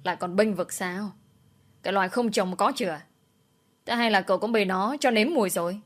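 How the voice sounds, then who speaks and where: A woman voicing a vicious older woman who hurls abuse, in a storybook reading. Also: natural voice. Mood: furious. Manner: shrill, fast, abusive.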